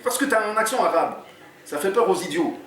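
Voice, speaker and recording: A man voicing a scheming male robber who gives orders in a storybook reading, with a brisk, instructing manner. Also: sits high, expressive, a bit bright, voice pushed up. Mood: bossy. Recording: echoey room, distant mic, faint noise.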